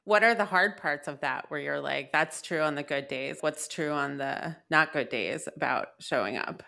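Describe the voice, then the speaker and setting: A woman's voice: low voice, moderate pace, vocal fry, bright, forceful tone. A woman co-hosting a podcast, musing aloud in a casual, easy-laughing way. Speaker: podcast co-host.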